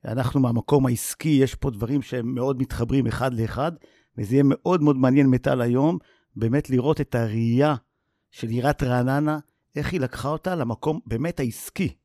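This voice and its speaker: A man's voice: mid-range voice, warm tone, no room sound, studio quality. A man from Israel co-hosting a podcast, chatting eagerly and repeating words for emphasis. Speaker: podcast co-host. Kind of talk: casual chat.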